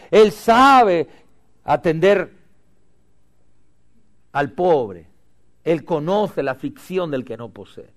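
Preaching in a high-pitched voice, this male pastor draws the congregation into call-and-response. His sermon swings from loud, forceful declarations to hushed asides.

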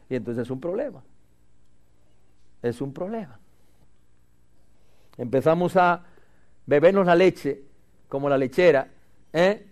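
A male pastor preaching a sermon, leading the congregation in call-and-response and moving between loud emphatic lines and quiet asides. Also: a little high, lively intonation, slow, long pauses.

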